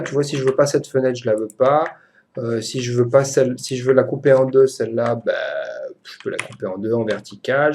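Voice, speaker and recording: A French-accented man walks a friend through a piece of software in a loose, chatty screen-recording tutorial. His voice is gravelly and dark, at an ordinary pitch. He hesitates often and fills the gaps with little fillers.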